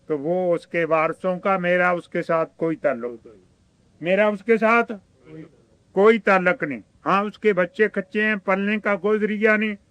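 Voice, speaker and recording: Male preacher, Urdu-speaking Pakistani accent, high crisp voice, dry close sound, quotes Arabic verses. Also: a bit bright, no room sound. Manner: rhetorical questions to the audience. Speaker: religious teacher. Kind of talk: sermon.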